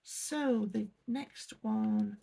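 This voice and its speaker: An English unboxing vlogger chats casually while opening a snack box, reading the product blurbs aloud and apologising for how she pronounces things. Her voice sits on the high side, creaky and very slow, with a noisy background.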